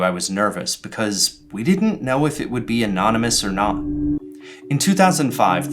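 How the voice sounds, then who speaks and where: A man narrates a scripted explainer in a measured, curious way, his voice set in a mid register. Plucked guitar music plays clearly beneath him throughout. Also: medium pitch. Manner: measured, curious storytelling delivery. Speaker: video essayist and host. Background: guitar background music.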